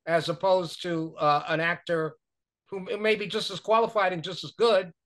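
An older New Yorker, an author and publicist, talks loosely as a guest in a conversational interview over a video call, full of fillers and restarts. His voice is high-pitched and a bit bright, picked up by a webcam in a small room at home.

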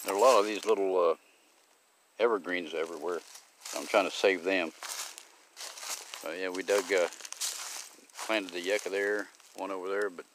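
A man's voice: low voice, a little hiss or hum. A man, talking casually and rambling with fillers while filming his homestead outdoors on a handheld phone. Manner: relaxed, rambling, drawling talk with many fillers. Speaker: homesteading vlogger. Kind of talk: casual vlog narration. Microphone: handheld phone camera.

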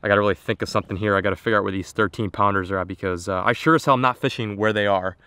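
A man's voice: lowish voice, steady tone, very fast, pushed and bright, smooth, dry recording. A young man vlogging to an action camera from a small boat on a lake, upbeat and self-mocking as he thinks aloud. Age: young adult. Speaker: fishing vlogger. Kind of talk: casual vlog to camera.

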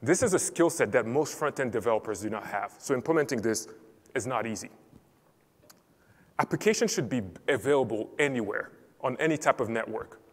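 Man, from Cameroon, conference speaker, clear structured delivery, mid pitch, long hall reverb. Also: expressive, brisk. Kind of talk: technical conference talk. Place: large conference hall stage.

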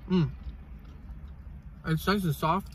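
A man's voice: on the high side, slow. A young man co-hosting a casual food review, talking with his mouth full while chewing and gushing about the food. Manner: enthusiastic, gushing praise. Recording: distant mic, faint car noise.

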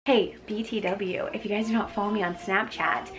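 An American woman in her thirties chatting casually to camera at home, animated and jokey. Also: mid-range voice, normal speed, heavy background noise. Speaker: vlogger and mother. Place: indoors, home kitchen and laundry room. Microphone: camera at arm's length or nearby.

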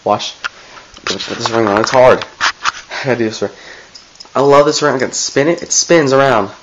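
The audio is dull with a noisy background as a teenage vlogger, speaking at a moderate pace in a mid-range voice, rambles through a goofy birthday message. He films on a webcam close to his face in a small bedroom, often interrupting himself.

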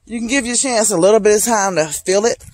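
A woman's voice: medium pitch, fast talker, darkish tone. Chatty woman vlogging on a woods trail. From Charlotte, North Carolina. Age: 30s. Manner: chatty, reflective, motivational, talks to viewers as "y'all". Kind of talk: casual vlog monologue. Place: wooded hiking trail outdoors. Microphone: phone held at arm's length while walking.

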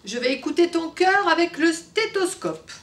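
A woman voicing a kind male family doctor in a children's story with a slow, mock deep voice, recorded with roomy echo from a distant mic. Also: animated, a bit bright, slight background noise. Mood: kindly.

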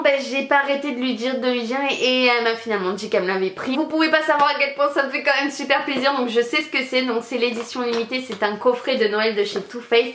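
A woman's voice: a little high, fairly bright tone. A woman from France, a beauty vlogger, talking in a casual, gushing and effusive way, addressing viewers and her friend. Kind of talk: excited casual vlog chat. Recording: echoey room, faint noise.

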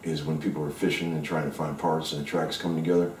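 Deep-voiced man guest, loose and frank, swears casually, recorded from across a roomy kitchen. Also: level tone, fast talker, a little hiss or hum. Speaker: session guitarist guest. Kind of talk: casual interview talk. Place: kitchen at home, indoors. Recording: roomy kitchen sound from a distant mic.

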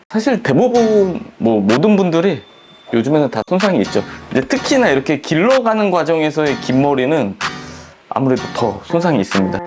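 Lively-voiced man explaining a perm technique. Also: fairly high pitch. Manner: explanatory, frequent filler "이제" and "어". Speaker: hair salon director. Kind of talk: instructional demonstration.

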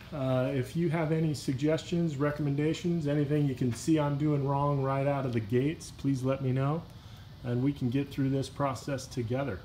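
A man filming a casual vlog outdoors beside a pickup truck, talking in a relaxed, rambling way with lots of "uh" and "you know". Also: medium pitch, a little hiss or hum. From Washington state. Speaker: kayak fishing vlogger. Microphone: handheld phone camera, filming himself off-screen.

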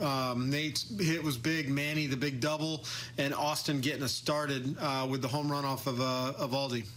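Halting middle-aged manager on a video call. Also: male voice, on the high side, fairly bright tone, a little hiss or hum. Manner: halting, repeats words, measured. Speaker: baseball manager. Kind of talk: postgame video press conference.

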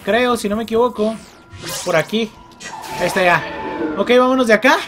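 A man with a Mexican accent commentating a video game he is playing. He is excitable, talks to the characters, and yells and groans when he fails. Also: sits high, moderate pace, over music. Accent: Mexican Spanish. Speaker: gameplay commentator. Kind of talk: let's play commentary.

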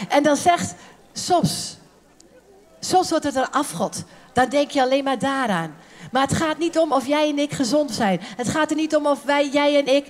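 Levendige, grappende predikante. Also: female voice, high voice. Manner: lively, joking, colloquial, acts out quotes. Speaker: preacher at a women's conference. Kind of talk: sermon. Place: church conference hall.

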